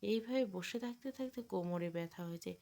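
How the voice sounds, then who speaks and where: A gentle young woman who takes teasing with quiet amusement , voiced by a woman reading the tale. Her words come soft and unhurried, with a smile underneath. It is storybook narration, close to the reader's natural voice. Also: medium pitch, vocal fry, natural voice. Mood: amused. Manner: amused, mild.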